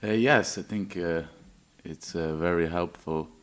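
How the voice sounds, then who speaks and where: Speaking in a low, unhurried voice, a Serbian interviewee in his twenties recounts a personal testimony. He is hesitant, with many filler sounds and restarts.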